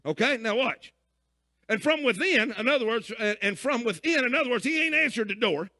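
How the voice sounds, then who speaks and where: A man's voice: extremely high pitch, expressive, a little fast, sharp tone. A man preaching a sermon as pastor, emphatic and folksy, often checking in with his listeners.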